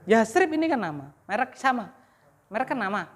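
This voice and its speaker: A woman's voice: fairly high pitch, very animated, fairly quick. A woman teaching Arabic grammar, often leaving a sentence open for students to finish. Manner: quizzes the class with half-finished questions. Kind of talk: classroom lesson.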